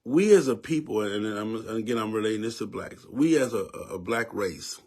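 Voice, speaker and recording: A man in his fifties with a Southern US accent talks straight to his viewers in a low voice. He is emphatic and preachy, doubling back on words to drive his points home. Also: animated, a little fast, darkish tone. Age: 50s. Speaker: vlogger giving opinion. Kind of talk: casual spoken commentary.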